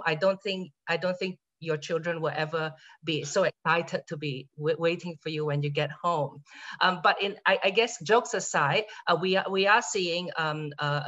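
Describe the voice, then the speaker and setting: A man's voice: sits high, sharp tone. A man in his thirties from Singapore, a university lecturer speaking in an online info session, chatty and often restarting his words. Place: home room, indoors, evening. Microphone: video call. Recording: dull lo-fi video call audio.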